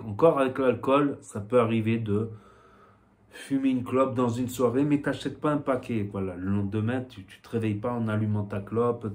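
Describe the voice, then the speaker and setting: This YouTuber from southwest France talks casually to the camera in a vlog, his voice on the low side and darkish. He rambles with lots of fillers and keeps saying "voilà" in his southwestern French accent.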